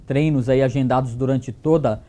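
A man's voice: medium pitch, steady tone, normal speed, mellow. A man in his thirties giving a sports report in a TV news studio, talking loosely with fillers into a lapel mic. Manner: loose, conversational delivery with fillers.

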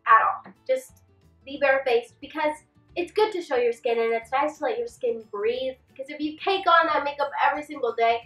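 A young woman gives casual beauty tips to camera, her high voice fairly quick and a bit bright, slightly congested from a cold and lisping faintly because of a retainer. Chatty, she gestures a lot from her seat in a small bedroom set with a clothes rack. A roomy, slightly distant camera mic picks her up, with faint music behind.

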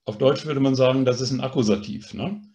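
A man with a mellow, medium-pitched voice teaches a language course online, moving a little fast. He patiently walks through grammar and frequently asks "ne?" to check understanding.

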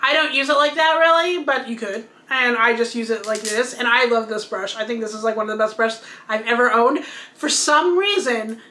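A woman's voice: on the high side, sharp tone, echoey room. A woman in her thirties chatting casually through a hair care review, explaining each product as she shows it, at home at her desk webcam. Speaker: beauty vlogger. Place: bedroom at home, indoors.

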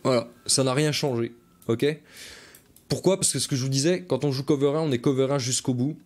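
Live-streaming at his computer, a man walks viewers through football film in an easy, chatty style, speaking close to a desk mic. His medium-pitched voice is fairly quick and a little mellow; he repeats key points and pauses now and then to answer viewer comments.

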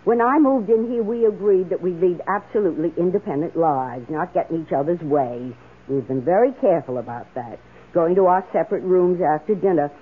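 This actress takes the part of an eager, emotional houseguest in an old-time radio play, speaking earnestly and dramatically with an anxious, remorseful mood. Her lowish voice is brisk and slightly rough, with lively intonation. The recording is muffled and lo-fi.

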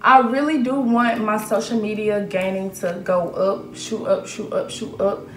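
Bright-edged and medium in pitch, this young woman's voice keeps fairly even intonation at a measured pace, with a roomy quality. At nineteen, she's an aspiring model vlogger doing a casual Q&A to camera from a small indoor room, self-assured and full of fillers.

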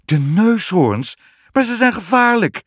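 A blunt, sensible young queen, sharp and exasperated, her voice leaping high, as a male narrator puts her on. Close, dry storybook recording. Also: very animated, quick pace, no room sound. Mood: alarmed.

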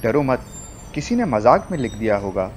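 A man's voice: mid-range voice, sing-song, moderate pace, slight background noise, close to an everyday voice. A man voicing a cheerful father in a cartoon horror story, with a breezy, reassuring manner.

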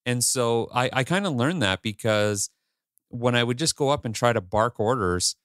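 A man's voice: medium pitch, lively intonation, normal speed, fairly bright tone, no room sound, clean studio sound. A man in his forties co-hosting a podcast, chatting candidly with restarts and the odd swear. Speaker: podcast co-host. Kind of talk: casual chat.

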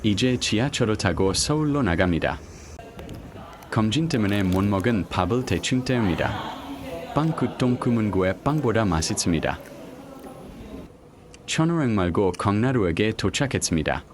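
A man's voice: lowish voice, expressive, normal speed, long pauses, a little hiss or hum. A man reading a scripted, slangy voice-over narration for a vlog.

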